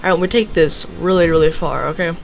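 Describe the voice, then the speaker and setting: A young person rambles through a casual story at a fast clip, with vocal fry in a medium-pitched, fairly even voice. Filler phrases like "basically" and "you know" keep coming back.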